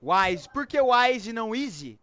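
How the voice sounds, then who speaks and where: A man's voice: very high voice, sing-song, measured pace, bright, forceful tone, no echo. A man teaching English online, with a Brazilian Portuguese accent, giving encouraging feedback and explaining pronunciation rules in Portuguese and English.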